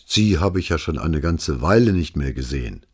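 A man's voice: a bass voice, expressive, moderate pace, slightly rough, exaggerated voice. A man reading the part of a gossipy male newsagent in an audiobook, gloating and conspiratorial as he relays bad news. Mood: gossiping. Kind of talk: audiobook dialogue.

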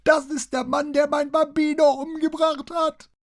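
A man's voice: extremely high pitch, flat delivery, a little slow, voice pushed up. A man reading an audiobook voices a confused, frail old woman who shrieks in terror. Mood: hysterical screaming. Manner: shrieking, frantic.

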